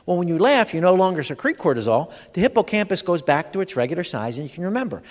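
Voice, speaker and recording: A man's voice: sits high, fast. A man doing stand-up comedy for a live audience, telling stories and acting out the dialogue. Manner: animated storyteller, acts out dialogue, addresses audience. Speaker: comedian and humor educator. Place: large expo hall before a live audience. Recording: long hall reverb.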